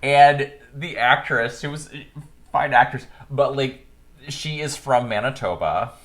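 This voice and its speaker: A man co-hosting a casual podcast chat, telling stories in an animated way and laughing often. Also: mid-range voice, measured pace. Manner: animated, chatty storyteller who laughs often. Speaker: podcast co-host.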